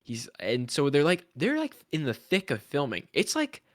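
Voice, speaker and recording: A man co-hosting a casual film podcast, chatting in an animated, jokey way about movie news. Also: on the high side, normal speed. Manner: animated, jokey, swings into bits and mock voices. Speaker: podcast co-host. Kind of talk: casual chat.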